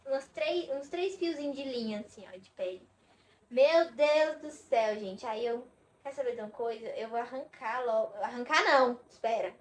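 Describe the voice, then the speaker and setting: A woman's voice: high voice, low-quality recording. Chatty, dramatic young Brazilian vlogger woman. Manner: chatty and dramatic, swearing to her viewers. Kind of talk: casual chat to camera.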